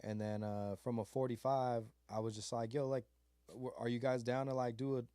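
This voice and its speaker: A man with a child, who makes beats and hails from California's Mojave desert, chats laid-back in an interview, drifting around with slang and filler words. His voice is medium-pitched and level, dark in tone, at a normal speed, recorded dry.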